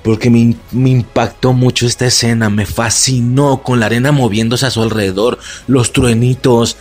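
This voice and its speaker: Excitable, swearing Mexican man. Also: mid-range voice, moderate pace, faint music behind. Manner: excitable, swears a lot, laughs often. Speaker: movie reaction vlogger. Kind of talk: excited casual film recap.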